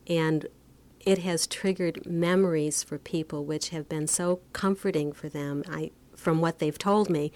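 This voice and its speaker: A woman speaking casually and reflectively about her book, halting now and then with fillers. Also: deep voice. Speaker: book author. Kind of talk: casual interview talk.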